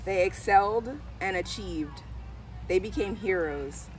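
The school diversity director, a middle-aged woman, tells a picture book story on a garden bench under trees, her mid-range voice lively in intonation and measured in pace. She is recorded by a camera a few steps away, with background noise from outdoors.

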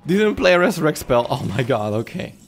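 A man's voice: a little high, very animated, fairly quick, gravelly. A young adult man streaming a video game with casual, playful commentary, repeating words, his mouth sounding slightly numb. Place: indoor room at home. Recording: game music behind the voice. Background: game music.

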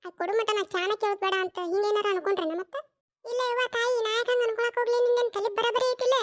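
Performer doing a stubborn cartoon mother-in-law: North Karnataka Kannada accent, shrill, brisk scolding. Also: steady tone. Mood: irritated. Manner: scolding, refuses stubbornly, drawn-out retorts. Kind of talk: cartoon comedy skit.

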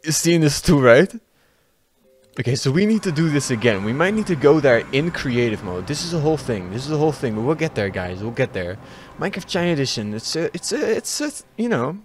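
A young man giving excitable let's-play commentary, swearing freely and chatting to his viewers. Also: mid-range voice, fairly quick, slight background noise. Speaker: gaming YouTuber.

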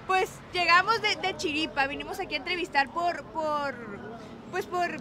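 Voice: very high-pitched, normal speed. A friendly interviewer asking questions in a casual street interview outdoors. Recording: outdoor street with crowd noise.

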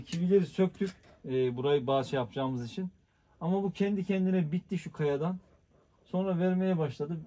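Guy vlogging in his yard, kinda high voice, chatty, a little outdoor noise behind. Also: warm tone. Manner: chatty, addresses viewers as friends. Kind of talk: casual outdoor vlog narration.

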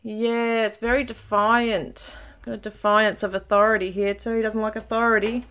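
A middle-aged woman talks through a tarot spread in a casual home video. She thinks out loud, stopping and restarting as she searches for words. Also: a little high, level tone, normal speed, clean tone. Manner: musing, thinking aloud with fillers and restarts. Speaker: tarot reader. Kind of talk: casual tarot reading to camera.

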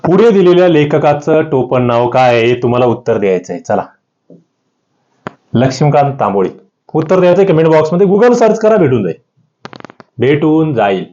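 A man with a Marathi accent teaching an exam-prep lesson, rising sharply in pitch on the key answers. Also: big pitch swings, moderate pace, pauses often, mellow. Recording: slightly dull lo-fi audio.

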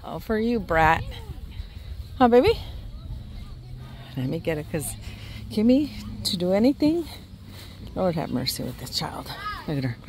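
This casual walking vlog features an older woman outdoors in a park, her fairly low voice swinging widely in pitch at a moderate pace with frequent pauses. She chats slightly out of breath and baby-talks her dog, recorded on a phone with background noise.

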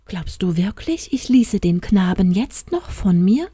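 A woman voicing a kind, determined doctor's wife, speaking warmly and earnestly. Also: medium pitch, very animated, a little slow, breathy edge, no echo, clean studio sound. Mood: tender.

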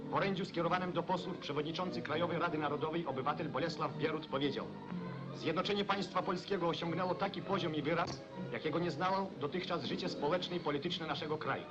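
A man reading a scripted narration in a formal, declamatory manner, as heard in an old 1940s newsreel. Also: sits high. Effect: old 1940s newsreel recording. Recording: dull lo-fi 1940s film sound with loud music.

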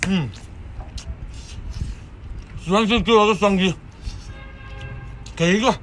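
A man's voice: sits high, slow, fairly bright tone, slight background noise. Man talking through a full mouth. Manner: chatty, coaxing viewers, playful exclamations. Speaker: mukbang eater. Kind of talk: casual chat to viewers while eating.

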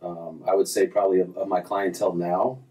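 A man's voice: low voice, fairly quick, distant mic, low-quality recording. A man in his thirties, a golf instructor as guest, talking casually with lots of fillers and restarts in a small office. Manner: relaxed, rambling, many fillers and restarts. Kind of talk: casual interview chat. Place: small office with framed diplomas.

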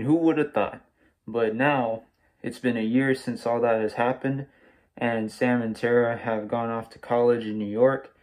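A young American man, talking through a face mask in a small room at home, gives a casual, spoiler-free video review of a movie. He's enthusiastic and slangy, with a fairly low, darkish voice.

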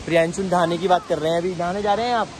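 A young man in his twenties, with a high voice and fairly even intonation, talks rapid-fire in a casual travel vlog. He's outdoors on a hillside trail, phone held at arm's length, joking around and teasing his friends.

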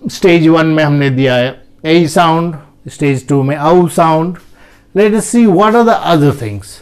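A man's voice: a little high, a little mellow. A man with an Indian accent teaching English pronunciation, switching between Hindi and English and repeating example words over and over. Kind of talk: classroom pronunciation lesson.

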